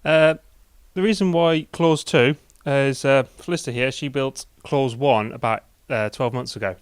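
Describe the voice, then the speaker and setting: Clear-voiced middle-aged man, plain-spoken. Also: medium pitch, fairly even intonation, moderate pace, dry recording. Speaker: team captain, competitor. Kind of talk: interview answers.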